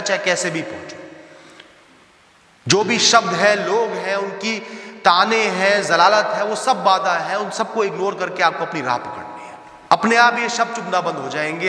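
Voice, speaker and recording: A man's voice: high-pitched, normal speed, sharp tone. A man giving a motivational talk, speaking emphatically and directly to the listener as he lays out instructions. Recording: echoey hall with long reverb.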